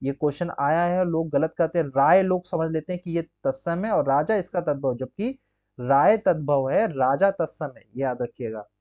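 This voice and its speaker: A man's voice: a little high, moderate pace, a little mellow, dull audio. A man teaching an exam-prep grammar lesson, drilling students with rhetorical questions and constant check-ins. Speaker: Hindi teacher.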